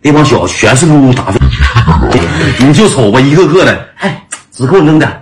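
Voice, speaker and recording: A man's voice: mid-range voice, animated, moderate pace, noisy background. A man with a Northeastern Chinese accent, telling a comic story in a chatty way, laughing as he goes and calling out to his listeners.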